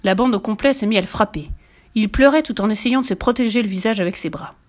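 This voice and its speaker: A woman reading a children's storybook aloud in a lively, expressive way. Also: medium pitch, fast talker.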